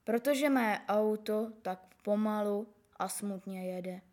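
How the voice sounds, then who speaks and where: A woman doing a hollow-voiced mournful gentleman. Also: medium pitch, voice pushed down, close to an everyday voice. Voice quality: hollow, sepulchral voice. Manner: slow, mournful.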